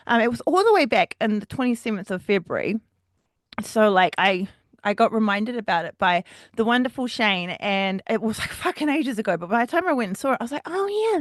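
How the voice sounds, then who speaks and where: A woman hosting a casual solo wrestling podcast, excitable and rambling, swearing freely as she goes off on tangents. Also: a little high, no echo, clean studio sound. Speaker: podcast host.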